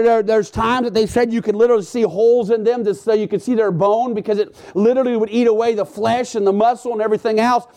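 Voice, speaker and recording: A man as pastor, preaching a sermon with frequent halting restarts and repeated words. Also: sits high, a little mellow.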